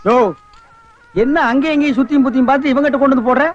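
A man's voice: extremely high pitch, steady tone, rapid-fire, muffled recording, over music. An actor playing a brash, mocking man who poses as a beggar in a film comedy scene, talking in taunting, scolding banter. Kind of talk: Tamil film comedy dialogue.

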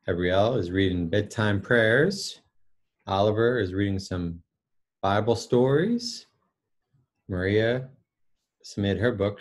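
A school principal reads out the week's announcements in a very low, steady voice. This man is encouraging and often pauses on "uh" between items. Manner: steady, encouraging, frequent "uh" fillers.

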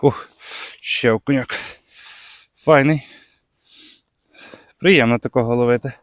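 A man from Ukraine with a Bukovina accent, chatting casually as he fishes on the ice outdoors, breaking into excited exclamations when a fish bites. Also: medium pitch, takes it slowly, no echo, clean studio sound. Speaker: fishing vlogger. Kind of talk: casual commentary while ice fishing. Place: outdoors on a frozen lake.

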